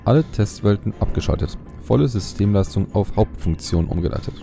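A man voicing a cold machine that reads out its shutdown in a flat, robotic way and says the beep aloud. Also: fairly low pitch, brisk, creaky. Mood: mechanical. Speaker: gamer reading game dialogue aloud. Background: game music.

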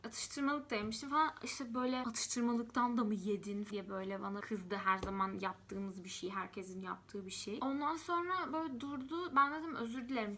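Bright-voiced young woman telling a story. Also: on the high side. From Turkey. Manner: chatty, emotional, many fillers. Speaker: vlogger. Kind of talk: casual storytelling to camera.

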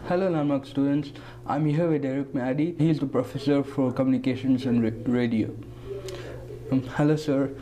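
Young guy interviewing, hesitant, lots of ums, mellow voice, faint room noise. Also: mid-range voice, fairly even intonation, normal speed, low-quality recording. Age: young adult. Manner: hesitant, many fillers and restarts. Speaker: co-host interviewer. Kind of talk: interview questions. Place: studio with green screen.

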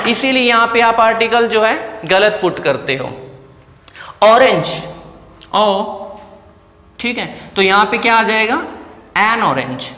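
Forceful and bright, the extremely high-pitched voice of a male teacher fills an echoey classroom with long reverb. He explains an English lesson one step at a time, asking the class rhetorical questions.

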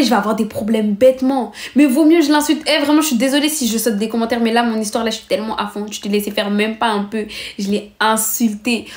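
Animated teenage girl, echoey room. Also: a little high. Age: teens. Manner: fast, heated, acts out the people in her story. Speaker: vlogger telling a story. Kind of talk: animated storytime chat.

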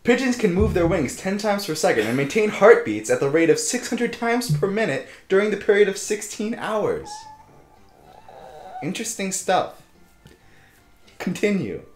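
A joking man with a slightly high, very animated voice, trading banter and delivering trivia in a mock-serious tone. His voice rings in a roomy space, with faint music underneath. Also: normal speed. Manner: joking, swears, reads facts in a mock-serious tone. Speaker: let's play co-host. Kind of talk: casual gameplay banter, reading trivia aloud.

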